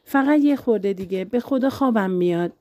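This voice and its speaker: Narrator as sulky young wife; begging, stubborn, close dry read. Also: female voice, mid-range voice, expressive, dark tone, no echo, close to an everyday voice. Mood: pleading. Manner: pleading, stubborn.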